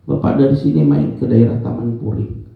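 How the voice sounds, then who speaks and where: A religious teacher leads an informal lesson in an office prayer room, telling stories in a chatty way and often quizzing his listeners. His mid-range voice is creaky and moves at normal speed, captured with echoey, dull lo-fi room sound.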